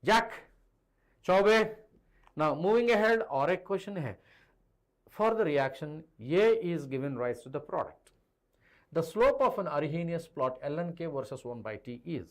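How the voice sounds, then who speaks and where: Speaking through a clip-on lapel mic, this middle-aged chemistry teacher with an Indian accent addresses his students directly during an online lesson, moving between languages as he works at a digital board. He talks at a moderate pace in a fairly high, expressive voice. The setting is an indoor teaching studio.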